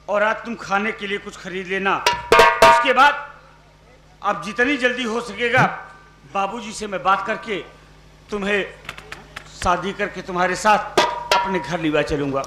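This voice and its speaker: A man's voice: high voice, measured pace, long pauses. A man playing a devoted young lover in a folk stage play, talking in a soothing, consoling way. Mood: comforting. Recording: roomy stage sound with loud music.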